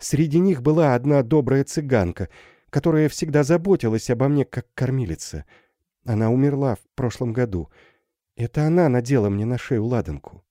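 A man's voice: medium pitch, normal speed, no echo, studio quality, voice pushed up, lightly acted. A man playing a frightened young girl. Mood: tender. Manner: soft, pleading and breathless with fear. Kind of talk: audiobook character voice.

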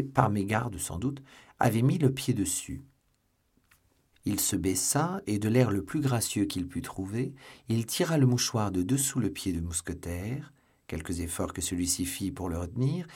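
A man reading a classic novel aloud as an audiobook narrator, in measured, expressive narration. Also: lowish voice, slightly rough. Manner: measured and expressive, voicing the characters. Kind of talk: scripted literary narration.

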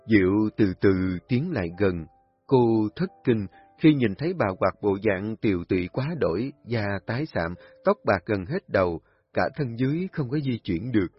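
A male narrator reading a family drama with expressive, melodramatic storytelling. His voice is husky, his pitch moves a lot, and the dry, dull recording carries faint music. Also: moderate pace, no room sound.

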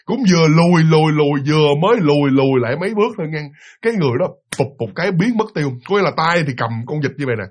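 Fast-talking Southern Vietnamese man telling a ghost story. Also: fairly high pitch. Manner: lively, animated, addresses listeners directly.

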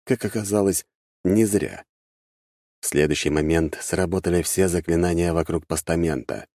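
Deep, mellow male storyteller, measured and wry, dry booth sound. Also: fairly even intonation, dry recording. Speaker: audiobook narrator. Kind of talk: scripted first-person fantasy narration. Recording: dry close studio sound.

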